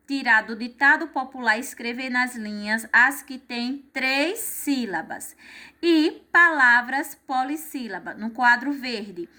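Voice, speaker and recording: A woman's voice: a little high, bright, forceful tone. A woman teacher, patiently walking children through textbook exercises step by step. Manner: slow, patient, step-by-step, frequent "certo?".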